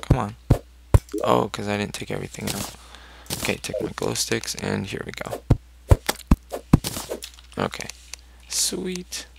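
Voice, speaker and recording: Loud keyboard clicks and typing fill this noisy home recording of a man doing a let's play. Speaking in a low, gravelly, sing-song voice at a measured pace with long pauses, he casually narrates his gameplay, thinks aloud, and cheers his character on.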